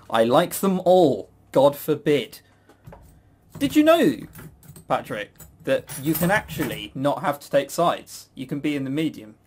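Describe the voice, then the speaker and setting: This podcast host's voice sits on the high side and is a little mellow. He chats casually reviewing visual novels, putting on a sarcastic, mock-grumbling attitude about games.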